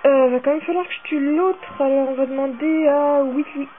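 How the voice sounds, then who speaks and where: Over a tinny, phone-like recording with faint music in the background, a woman with a high voice talks at normal speed while gaming. Her casual commentary is excitable and rambling, full of swearing as she gets worked up.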